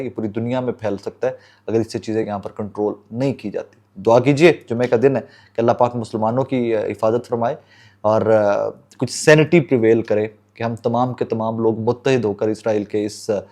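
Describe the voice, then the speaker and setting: A man's voice: lowish voice, dark tone. A man with a Pakistani Urdu accent giving earnest political commentary straight to his viewers, often slipping English phrases in. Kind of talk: casual commentary to camera.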